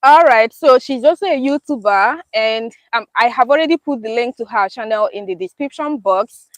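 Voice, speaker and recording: A woman's voice: on the high side, normal speed, no echo, rough recording. Upbeat woman hosting a chat outdoors. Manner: upbeat, laughs often. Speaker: YouTube host. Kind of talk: casual live-stream chat. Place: outdoors in a park.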